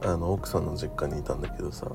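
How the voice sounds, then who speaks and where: A man's voice: a bass voice, racing, vocal fry. A man co-hosting a radio show in casual chat, telling things in an informal, hesitant way with plenty of filler words. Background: background music.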